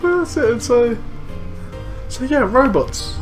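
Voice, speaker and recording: High, lively man joking around. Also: slow, soft background music. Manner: joking, easily sidetracked. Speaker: podcast co-host. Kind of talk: casual comedic chat.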